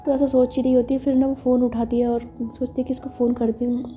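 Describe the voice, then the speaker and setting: A woman's voice: sits high, little pitch movement, fast talker, mellow, dull audio, faint music behind. A woman telling a romance story in a chatty, casual way with frequent fillers.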